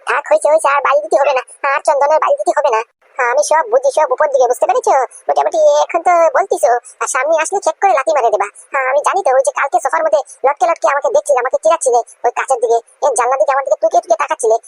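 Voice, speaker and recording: A woman's voice: sits high, no room sound, low-quality recording. A woman voicing a sulky, greedy cartoon wife. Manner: rapid, chattering, complaining. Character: sulking stubborn wife, greedy for biryani. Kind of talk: cartoon comedy voice acting.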